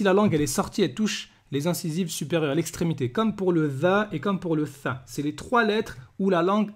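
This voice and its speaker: Patient man drilling letter sounds. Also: on the high side. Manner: patient, repeats letter sounds slowly, asks "d'accord?" often. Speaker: Arabic teacher. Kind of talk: step-by-step pronunciation lesson.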